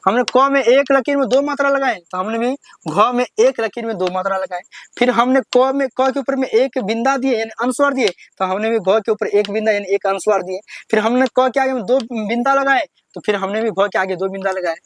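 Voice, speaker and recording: High-voiced man teaching the alphabet. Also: brisk. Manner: patient, repetitive, drawing out each syllable when reciting. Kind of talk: beginner alphabet lesson.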